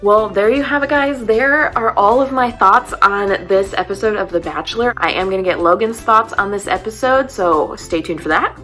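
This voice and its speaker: A young woman in a casual recap chat, talking fast and exasperated as she acts out scenes for her viewers. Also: medium pitch, fairly bright tone, faint music behind. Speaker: vlog host.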